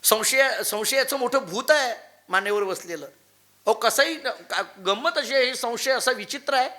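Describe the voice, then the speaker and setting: Animated high-voiced male preacher. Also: measured pace. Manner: animated storytelling with chanted scripture quotes. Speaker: kirtankar preacher. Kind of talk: devotional sermon. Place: temple hall.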